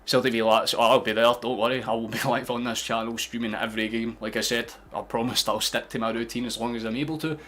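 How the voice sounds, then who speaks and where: Bright-voiced excitable Scottish young man. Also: medium pitch, fast, hardly any pauses. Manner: excitable, sweary, laughing often. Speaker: football streamer hosting a watchalong. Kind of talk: casual live-stream chat.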